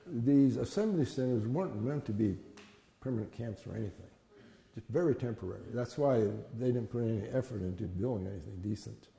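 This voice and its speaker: An older man telling childhood memories in a plain-spoken, folksy, halting interview style. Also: medium pitch, vocal fry, dark tone. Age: older, 70s or above. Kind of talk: conversational oral-history storytelling. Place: reverberant indoor room. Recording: echoey room with long reverb.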